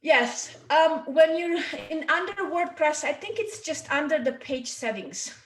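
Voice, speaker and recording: A Hungarian woman with a Hungarian accent presents an informal online marketing workshop, chatting away and often checking in with listeners using "okay?" and "right?". Her high-pitched voice is expressive, unhurried and fairly bright, in an echoey room.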